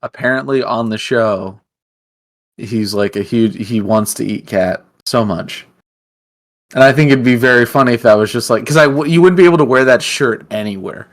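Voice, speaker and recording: A man's voice: mid-range voice, normal speed. Goofy teasing man on a podcast. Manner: goofy, teasing, slips into silly voices. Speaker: podcast co-host. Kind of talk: casual chat.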